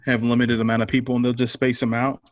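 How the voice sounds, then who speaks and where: Relaxed man talking basketball analysis. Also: medium pitch, quick pace, no room sound. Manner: relaxed, analytical, loose phrasing with fillers. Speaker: podcast co-host. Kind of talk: casual sports chat.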